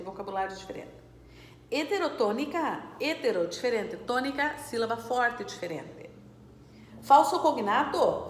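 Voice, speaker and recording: A woman teaching a Spanish class, patiently going over exercises, reading words slowly and checking that students follow. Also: a little high, a bit bright, reverberant, in a large hall, slight background noise. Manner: explains patiently, checks understanding with "certo?" and "né, gente?"; reads Spanish words slowly and clearly, switching into Portuguese explanations.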